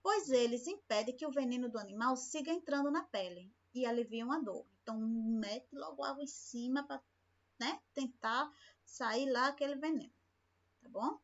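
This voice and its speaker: A Brazilian woman teaching a remote science lesson to children, explaining slowly and often checking in with the class. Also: sits high. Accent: Brazilian Portuguese. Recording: lo-fi home recording.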